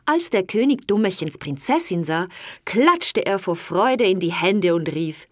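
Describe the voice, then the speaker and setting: A woman narrating a fairy tale as a storybook reader, slow and expressive. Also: lowish voice, no room sound, studio quality. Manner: slow, lively, expressive telling. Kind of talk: storybook reading.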